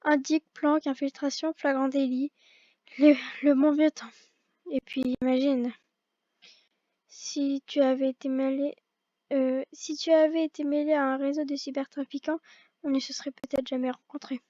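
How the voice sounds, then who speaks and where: A woman's voice: high-pitched, level tone, moderate pace, mellow, no echo. A young woman reading dialogue from a visual novel aloud, often stumbling and restarting lines. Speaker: fan reader voicing a visual novel. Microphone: old gaming headset. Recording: dull lo-fi gaming headset mic.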